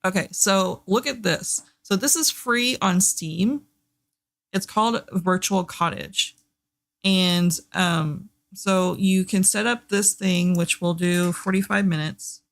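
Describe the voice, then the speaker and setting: On a casual livestream, a Southern-accented streamer from Texas chats and rambles with lots of fillers during a reading sprint. Their mid-range voice moves slowly and sounds gravelly and fairly bright. There's no room sound, and the audio comes from a desk microphone, not the headset.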